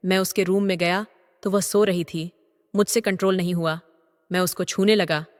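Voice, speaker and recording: An older man narrating a story in a steady, even reading voice. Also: high-pitched, normal speed. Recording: long reverb.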